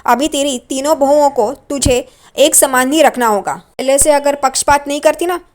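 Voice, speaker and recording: A stern old village grandmother, voiced by a woman retelling a story. She speaks firmly and plainly in a high voice, setting the household straight. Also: moderate pace, natural voice. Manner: firm, scolding, matter-of-fact.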